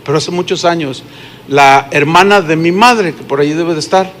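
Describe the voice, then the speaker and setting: A man's voice: a little high, moderate pace, a bit bright, slight background noise. A man with a Mexican accent preaching a sermon to his congregation, telling stories and asking them questions. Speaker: pastor. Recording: long hall reverb.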